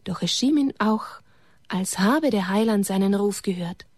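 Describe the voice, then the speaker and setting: A woman reading a religious story aloud to children in a gentle way, turning to them with questions and sometimes dropping to a whisper. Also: mid-range voice, moderate pace, no room sound, clean studio sound.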